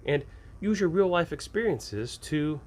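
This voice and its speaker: An American man hosting a game master show offers casual, unscripted advice, rambling conversationally. His voice is a little high and a little mellow, animated but a little slow. Ambient noise is clearly audible behind him.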